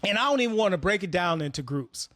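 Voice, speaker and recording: A man's voice: high-pitched, lively intonation, fast, bright, forceful tone, dry recording, studio quality. A man hosting an opinionated commentary monologue, talking bluntly and profanely as he tells stories. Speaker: host.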